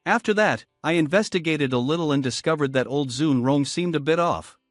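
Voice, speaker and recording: A man's voice: fairly high pitch, brisk, no echo, close to an everyday voice. A man voicing a timid, earnest male town god who speaks politely and anxiously. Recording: dry with faint music.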